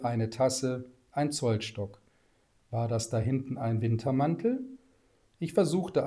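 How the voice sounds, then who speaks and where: A man narrating a storybook in a steady, measured way. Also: medium pitch. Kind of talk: storybook audiobook reading.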